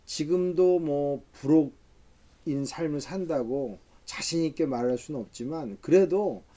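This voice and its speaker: A man's voice: fairly high pitch, unhurried, dark tone. A man in his fifties, a professor, giving a reflective talk-style book review lecture with frequent hesitations. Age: 50s.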